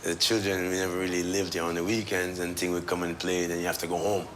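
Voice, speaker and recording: A middle-aged Jamaican man telling relaxed stories, laughing often and trailing off as he talks. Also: sits low, fast talker, slight background noise. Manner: laid-back, laughs often, trails off and restarts. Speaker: son of the musician, tour guide. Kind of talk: relaxed storytelling.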